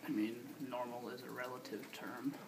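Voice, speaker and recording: A man's voice: medium pitch, little pitch movement, moderate pace. A young man being interviewed, answering in a hesitant, noncommittal way. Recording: distant mic with background noise.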